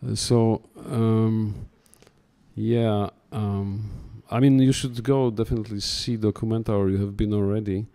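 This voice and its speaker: A man's voice: fairly low pitch, fairly even intonation, unhurried, dark tone. A man addressing a talk audience in loose, chatty remarks full of stammering restarts. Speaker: curator in conversation. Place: talk room before an audience.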